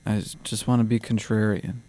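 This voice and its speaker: A man's voice: lowish voice, fairly even intonation, fairly quick, dark tone. A young man co-hosting a sports radio show, answering in curt, grumpy retorts. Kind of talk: casual sports banter.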